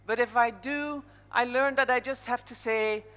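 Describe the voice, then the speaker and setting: Her pitch sits a little high and her tone stays steady as she moves at a moderate pace, slightly bright. She is a Dutch woman acting as informal master of ceremonies for a conference opening, on stage in a big hall, with echoey reverb over the PA.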